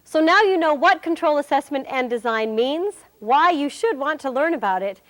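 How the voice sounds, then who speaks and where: In a corporate training film, a woman plays a wry, cheerful presenter delivering scripted instruction. Her high voice is a bit bright and lively, spoken at normal speed in an instructive mood.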